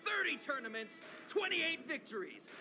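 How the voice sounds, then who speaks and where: A man playing a bombastic fight-ring announcer in a video game, grandiose and projecting in shouts. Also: very high-pitched, sing-song, moderate pace, music in the background. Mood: hyped, grandiose.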